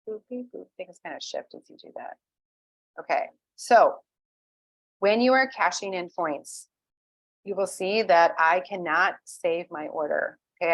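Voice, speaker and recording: An essential oil wellness advocate with a low voice walks through an online ordering tutorial on a screen share, chatting away, filling her sentences with "um" and checking in with "okay?". The sound is dry and close, with no room echo.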